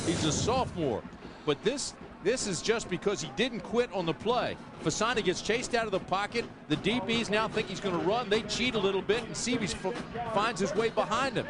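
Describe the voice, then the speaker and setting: Football color analyst over heavy noise. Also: male voice, high voice. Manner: breaks down plays in an easy, conversational way. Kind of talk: college football color commentary. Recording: loud noise under an old broadcast.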